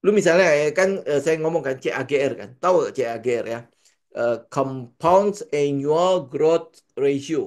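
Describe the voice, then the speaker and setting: A man's voice: a little high, normal speed. A man with a Jakarta-slang Indonesian accent, giving a casual trading lesson. He keeps asking rhetorical questions and acts out what traders say. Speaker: trading coach.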